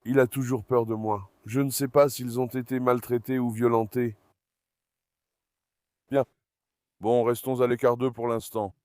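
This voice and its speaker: A man's voice: mid-range voice, level tone, measured pace, long pauses, darkish tone, dry recording, clean studio sound. A man vlogging from his farm in a casual, chatty way, coaxing his animals fondly. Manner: chatty, coaxing and fond when talking to animals. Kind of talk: casual vlog narration.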